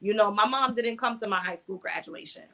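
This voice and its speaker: A woman's voice: medium pitch, a little fast, fairly bright tone. A woman in her mid twenties with an American accent, telling personal stories candidly as an interview guest, in colloquial language with repeated words for emphasis. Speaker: interview guest, online video creator.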